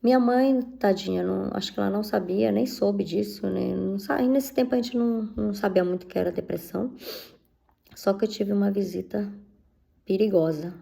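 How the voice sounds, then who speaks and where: Woman with a very gravelly voice. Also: medium pitch, brisk, mellow. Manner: conversational, leans on tag questions and fillers; speaks directly to listeners as beloved ones. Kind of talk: personal faith testimony.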